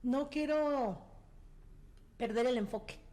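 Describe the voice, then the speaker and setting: A woman shares a personal story as a guest. She is animated and acts out the quoted lines, in a fairly high voice. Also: slow pace. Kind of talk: casual testimony.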